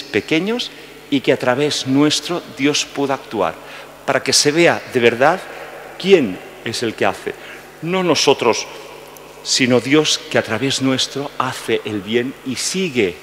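Slow-speaking priest in a big church. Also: male voice, medium pitch, a bit bright. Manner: unhurried, explanatory, with frequent "¿eh?" asides. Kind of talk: slow homily introduction at Mass. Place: large church. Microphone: headset mic. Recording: church hall reverb, faint hum.

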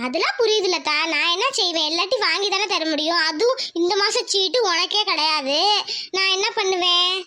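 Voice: extremely high pitch, fairly quick, pushed and bright. Someone voicing a firm money collector. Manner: firm, guarded. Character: middle-aged village woman, cautious money collector.

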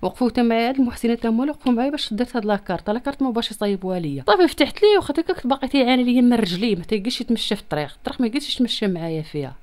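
A woman's voice: fairly high pitch, animated, racing, few pauses, darkish tone. A woman in her thirties with a Moroccan accent, making a plaintive, insistent personal plea into a handheld microphone in an interview at home. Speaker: interviewee appealing for help. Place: small room at home. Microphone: handheld reporter's microphone close to the mouth.

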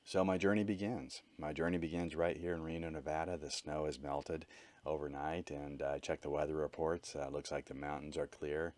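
A man's voice: a bass voice, level tone, normal speed, a little mellow. A man narrating his own travel vlog as a voice-over, telling his story in a candid, matter-of-fact way. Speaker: vlogger.

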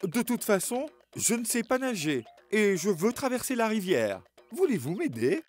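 A man's voice: high voice, sing-song, normal speed, soft background music. A man voicing a boastful runaway pancake in a cartoon, taunting in a sing-song way. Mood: delighted. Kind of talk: cartoon voice acting.

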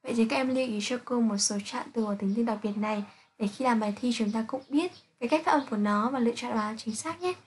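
A woman teaching an English pronunciation lesson, reading out sounds and example words slowly and carefully to her students. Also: a little high, a little mellow, a little hiss or hum. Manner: slow, careful, spelling out sounds one by one.

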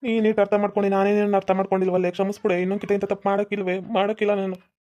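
A remorseful cartoon husband, voiced by a woman, pleads with his wife in a North Karnataka Kannada accent, repeating his apologies quickly. His pitch holds flat and even, and the talk runs fast. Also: lo-fi sound, lightly acted. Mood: pleading. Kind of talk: hobby cartoon voice acting.

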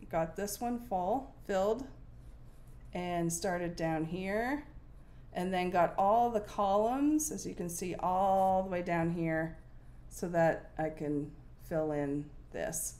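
Slow-talking woman chatting about her stitching. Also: medium pitch, a little mellow. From Nova Scotia, Canada. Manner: chatty, thinking aloud with many ums. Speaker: cross-stitch video host. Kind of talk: casual show-and-tell chat. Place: home room with window blinds, indoors. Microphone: fixed camera at desk distance.

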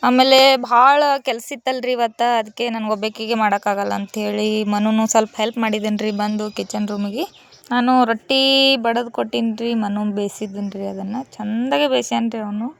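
A woman's voice: on the high side, steady tone, fairly quick, gravelly. A woman, chatting casually to viewers as she cooks at home for her vlog. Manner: chatty, addresses viewers politely with frequent "ri". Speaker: vlogger.

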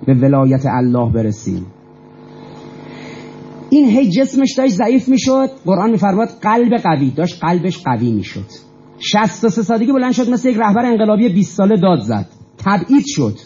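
Male lecturer, emphatic and rhetorical, high mellow voice, muffled lo-fi recording. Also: big pitch swings, slight background noise. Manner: emphatic, rhetorical questions, repeats phrases. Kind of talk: impassioned speech to an audience.

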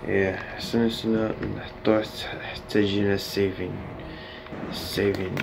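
A man's voice: fairly low pitch, flat delivery, normal speed, gravelly, noisy background. A young man with an Algerian Arabic accent gives casual commentary on a horror game, repeating words and catchphrases and mixing in English and French. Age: young adult. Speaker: gaming YouTuber. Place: small indoor room, gaming chair. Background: prominent game music.

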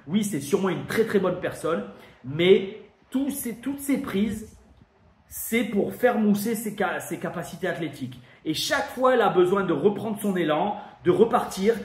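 A man's voice: high voice, animated, normal speed, hardly any pauses, darkish tone. Chatty French reviewer man, echoey room. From France. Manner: chatty, emphatic, thinks aloud. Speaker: wrestling show reviewer. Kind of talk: casual review monologue. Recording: echoey room with faint noise.

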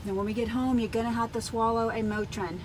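A woman's voice: a little high, fairly even intonation, quick pace, low-quality recording. A middle-aged American woman chatting casually, giving motherly instructions and repeating them. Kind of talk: casual chat. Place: inside a moving car, filmed from back seat on a phone. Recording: loud car and road noise.

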